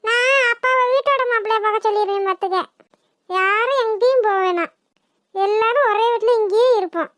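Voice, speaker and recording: A sweet, earnest little village girl from a cartoon, pleading with her family in a very high, squeaky voice. The sound is dry and close, with no room around it. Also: brisk, a bit bright, dry recording. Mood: determined. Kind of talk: cartoon voice acting.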